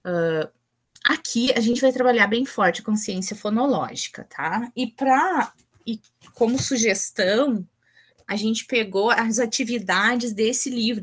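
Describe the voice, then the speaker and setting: A woman's voice: a little high, fairly bright tone. A woman, an early childhood educator giving a chatty teacher-training lesson. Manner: chatty, asks the group for go-ahead.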